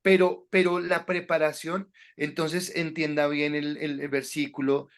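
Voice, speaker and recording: This Bible school preaching instructor has a smooth, fairly high voice that barely moves in pitch, and he takes his time. Lecturing on sermon delivery, he tells students directly what to do, hesitating often.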